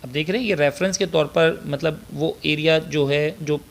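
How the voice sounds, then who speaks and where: A man with a Pakistani accent teaching a slide lecture on figures of speech, talking slowly and hesitantly with many filler pauses and switching between Urdu and English. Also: fairly high pitch, fairly even intonation, vocal fry.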